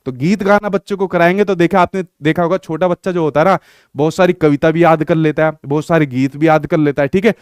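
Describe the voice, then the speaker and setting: A man's voice: on the high side, no room sound, clean studio sound. A young man teaching an exam-prep lesson, explaining step by step and often checking in with "okay". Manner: explanatory, repeats "ठीक है" often.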